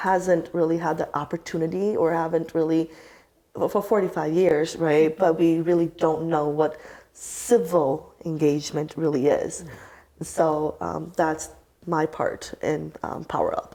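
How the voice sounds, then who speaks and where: A woman's voice: low voice, fairly even intonation, normal speed, dark tone. A woman raised in the United States, a community organizer, speaking reflectively and searching for words in a panel conversation.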